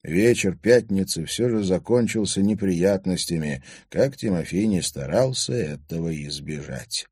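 A man narrating an audiobook in an expressive storytelling manner. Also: low voice, measured pace, few pauses, slightly rough, dry recording, clean studio sound. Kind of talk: scripted narration.

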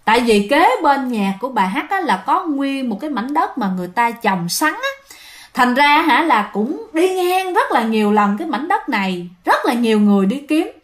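A woman's voice: high-pitched, big pitch swings, normal speed. A woman telling ghost stories in a casual, chatty way, often addressing her listeners directly. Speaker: ghost story narrator. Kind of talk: casual spoken storytelling.

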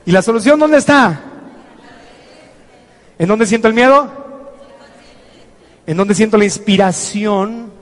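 Guy giving a pumped up business seminar, high voice, echoey hall. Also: slow, pauses often, a faint crowd. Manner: energetic, coaxing, acts out scenes. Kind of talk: motivational seminar talk.

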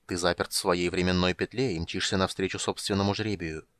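A man reading the lines of a cold, commanding female goddess in an audiobook, slow and measured. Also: sits low, steady tone, fairly bright tone, dry recording. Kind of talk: audiobook character voice.

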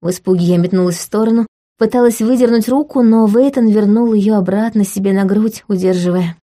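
A woman reading a first-person romance novel aloud as an audiobook narrator, in an even, measured way. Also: medium pitch.

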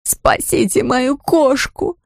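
A woman's voice: moderate pace, gravelly, mellow, husky, no room sound, studio quality, exaggerated voice. A woman voicing a distraught woman who shrilly cries out for her hurt cat in an audiobook. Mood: desperate. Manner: shrill, crying out.

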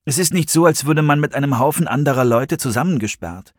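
A man's voice: fairly high pitch, animated, fairly quick, no room sound, studio quality, voice pushed up. A man reading an audiobook, voicing a troubled teenage boy who halts and searches for words. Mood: searching.

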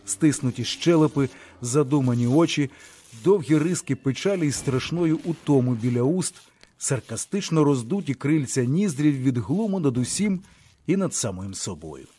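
A man narrating a literary audiobook in a measured, expressive way. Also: mid-range voice, husky.

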